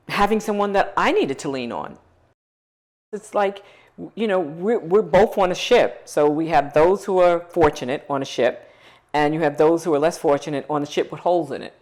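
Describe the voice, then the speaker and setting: A woman's voice: deep voice, darkish tone. A middle-aged woman, a nonprofit founder, speaking earnestly and emphatically in a documentary interview.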